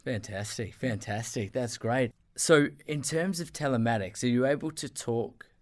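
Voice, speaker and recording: A podcast host conducts a casual interview, speaking effusively with lots of fillers and restarts. His voice is medium-pitched at normal speed.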